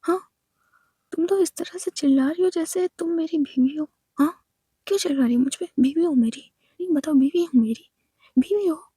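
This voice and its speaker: Drunk mocking young woman who shouts back, whispered role-play a woman voices her, high and mellow. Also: normal speed, no room sound. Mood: defiant.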